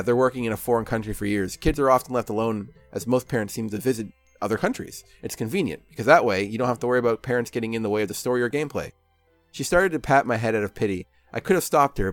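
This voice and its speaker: A man narrating a game playthrough in a sarcastic, self-mocking way. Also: mid-range voice.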